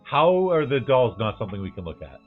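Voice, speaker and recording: A man's voice: lowish voice, lively intonation, fast talker, breathy edge. A man giving playful, casual commentary as a let's play host. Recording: thin phone-like sound, faint music.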